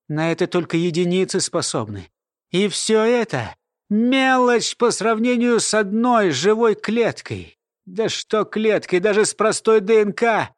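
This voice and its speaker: A woman's voice: mid-range voice, no room sound, studio quality, pitched above the performer's own voice, lightly acted. A man voicing a sly old woman, a former nanny who mumbles and talks in a folksy way. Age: older.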